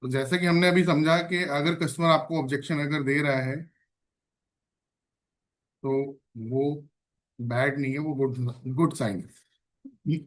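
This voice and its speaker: A man's voice: on the high side, takes it slowly, long pauses. A man leading an online sales training session, repeating phrases and checking in with his trainees. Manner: energetic, repeats phrases and asks the audience questions.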